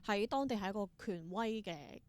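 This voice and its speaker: A woman with a Hong Kong Cantonese accent answers interview questions as a theatre performer, explaining things conversationally and dropping in English terms. Her medium-pitched voice is expressive and moves at a normal speed, with a little hiss or hum audible.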